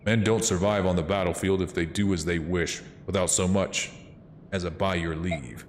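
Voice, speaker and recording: A man voicing a stern older mercenary commander and father who gives grave, measured orders. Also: deep voice, steady tone, in a large hall, a little hiss or hum, natural voice.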